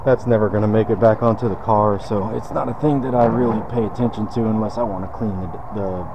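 A man's voice: lowish voice, steady tone, fast, noisy background. A man, casually explaining a car detailing task as he works. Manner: laid-back, talks while working. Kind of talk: casual how-to demonstration. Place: detailing shop.

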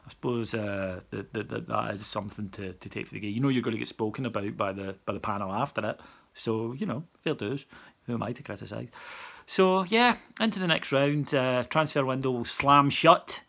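Brisk and sharp-toned, with vocal fry in his medium-pitched voice, a podcast host offers a wry, dry post-match reaction. A phone camera at arm's length captures him in a small room.

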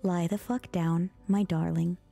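A streamer reads a bedtime storybook aloud in a soft, unhurried, mellow ASMR-style voice, occasionally dropping into whispers and adding mock-exasperated asides. Her voice is lowish, creaky, and fairly even in intonation, with faint music behind her.

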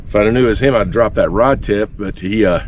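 Easygoing middle-aged male fishing vlogger, recorded outdoors on a boat by a camera a few feet away, clear wind and water noise. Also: fairly low pitch, fast talker, recorded from a distance. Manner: chatty, easygoing, talks while fishing. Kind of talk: casual on-the-water fishing talk. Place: outdoors on a small boat on a lake. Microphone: camera mounted on the boat, a few feet away.

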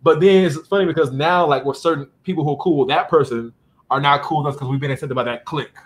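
A young man, a dance company director and podcast guest, telling stories in an animated, blunt way over a video call from his dance studio. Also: fairly high pitch, quick pace. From United States. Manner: animated, blunt, plays out quoted exchanges. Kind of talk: casual storytelling in a podcast interview. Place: dance studio in Atlanta, indoors. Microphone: video call, camera at a distance.

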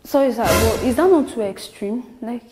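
A woman's voice: a little high, animated, normal speed, lightly acted. An actress playing a prim, pious young woman auditioning for a film. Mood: hesitant. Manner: hesitant, polite, then defiant. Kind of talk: comic short-film acting. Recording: echoey room with hiss.

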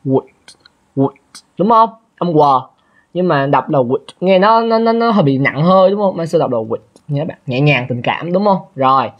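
A man teaches an exam review in a chatty way, often checking that listeners follow. His pitch swings widely and his voice sounds husky. The recording is dull and lo-fi. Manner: chatty, keeps asking listeners to confirm. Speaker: English teacher.

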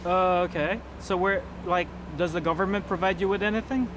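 Young man, casual filler-heavy street interviewer, high-ish voice, camera mic with heavy traffic noise. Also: steady tone, a little fast. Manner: chatty, filler-heavy questions. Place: city sidewalk outdoors. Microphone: camera mic, behind the camera. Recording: loud street noise outdoors.

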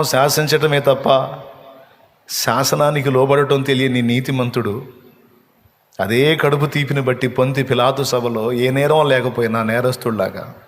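A man preaching a sermon, impassioned, climbing to emotional peaks and then dropping to a soft voice. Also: mid-range voice. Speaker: pastor. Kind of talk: Telugu sermon with told stories. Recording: long hall reverb.

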